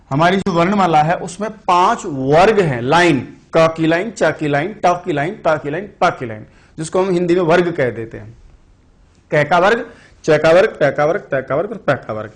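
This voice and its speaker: A man teaching Sanskrit in an online exam-prep class, telling chatty stories, putting questions to the students and explaining slowly and deliberately. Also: sits high.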